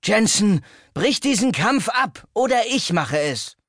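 A man's voice: high voice, sing-song, unhurried, fairly bright tone, slightly rough, no echo, studio quality, pitched above the performer's own voice, full character voice. A man voicing a worried, stern young man who scolds his best friend in an urgent way. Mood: angry.

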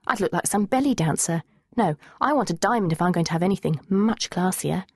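A woman's voice: lowish voice, animated, brisk, husky. A woman narrator voicing a squeamish, dramatic teenage girl who protests and pleads in a whiny manner. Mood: breezy.

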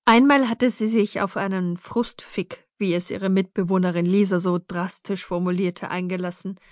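A woman reading an audiobook in calm, measured scripted narration. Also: medium pitch, no room sound, studio quality.

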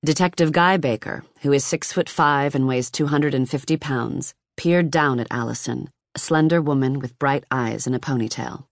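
Steady nonfiction audiobook narrator, mid pitch, very dry close studio mic. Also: normal speed, few pauses, dry recording.

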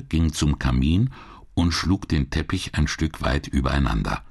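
A man narrating a classic crime audiobook in a measured, expressive reading style. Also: a bass voice, vocal fry, slightly rough. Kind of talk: scripted narration.

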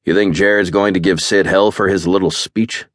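A man's voice: sits low, fairly even intonation, moderate pace, fairly bright tone, no room sound, studio quality. A man doing a growling, surly warrior chief. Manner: gruff, curt. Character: surly brooding male warrior leader, growling.

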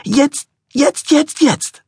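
A man voicing a demanding, heavily pregnant young woman with late-night cravings, shrill and bratty. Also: very slow, vocal fry, darkish tone, no room sound, full character voice. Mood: shrieking.

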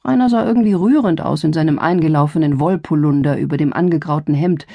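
A woman narrating a contemporary novel in first person, telling it in a lively way. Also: low-pitched, quick pace, creaky, no echo. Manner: lively first-person storytelling, acting out dialogue. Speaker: audiobook narrator. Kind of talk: scripted narration.

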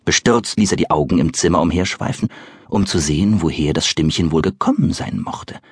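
A man reads a children's storybook slowly and playfully, speaking straight to the young listeners. His voice is low and very breathy, with a lively melody. The recording is close and completely dry. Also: dry recording. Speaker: audiobook narrator.

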